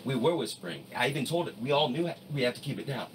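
A man in his thirties in a heated livestream argument, loud and defiant, repeating himself. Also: medium pitch, animated, quick pace. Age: 30s. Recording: distant mic with faint noise.

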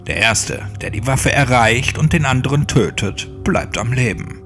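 A man voicing a cold, sadistically polite male captor speaking over a loudspeaker in a horror audiobook. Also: medium pitch, animated, measured pace, soft background music, pitched above the performer's own voice. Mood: coldly polite. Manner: formal, mocking politeness.

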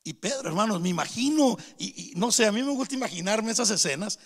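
A middle-aged man preaches in a very high voice. He tells stories and keeps calling out to his congregation. His voice rings through the church hall with a long echo. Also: animated, fast talker, creaky, a bit bright. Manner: storytelling, keeps calling out to the brethren. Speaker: pastor. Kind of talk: sermon.

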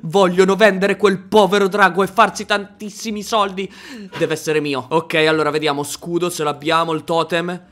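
A young Italian man giving excited gameplay commentary as a YouTuber, yelping and shouting at the game as he plays. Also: sits high, moderate pace. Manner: animated, yelps and shouts at the game. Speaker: Minecraft YouTuber.

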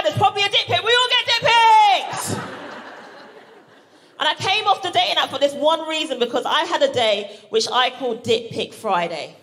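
A high-voiced woman stand-up comedian from Barbados with a British accent performs on stage at a live venue. Her routine is animated, exclamatory and sweary, and she acts out reactions while audience laughter and room ambience fill the background.

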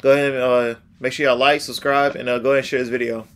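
A man's voice: mid-range voice, flat delivery, fast talker. A man in his thirties chatting casually as a reaction video host, laid-back and slangy with exclamations. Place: small furnished room at home.

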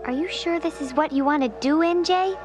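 A woman voicing Wednesday, a composed, clever young cartoon girl with a measured, slightly superior manner. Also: high-pitched, music in the background, close to an everyday voice. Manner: measured, sensible and a bit superior.

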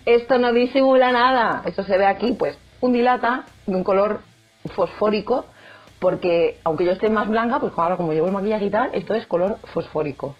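A woman's voice: medium pitch, fairly quick, breathy edge. Young woman, jokey vlogger chat, dull-ish audio, faint music under it. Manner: chatty, jokey, animated, acts out quoted voices. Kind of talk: casual chat to camera.

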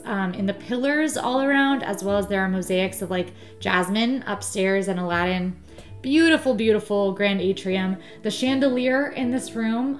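A woman hosting a travel vlog, chatting in a bubbly, enthusiastic way with the odd "um". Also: mid-range voice. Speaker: vlog host. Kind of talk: casual travel vlog chat.

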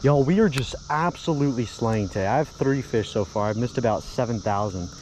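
A young man vlogging while pond fishing, excitedly talking to his viewers. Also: mid-range voice, a little fast, a little hiss or hum, rough recording. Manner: excited, exclamatory, talks to viewers. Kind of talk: casual outdoor fishing vlog. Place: outdoors by a pond.

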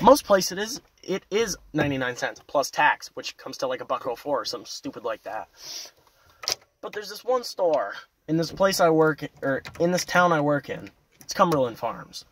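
A young man ranting to camera in a casual, foul-mouthed vlog, loud and animated, veering between yelling and muttering, parked at a roadside turnout. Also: a little high, a little hiss or hum. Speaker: vlogger. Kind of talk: casual profane rant to camera.

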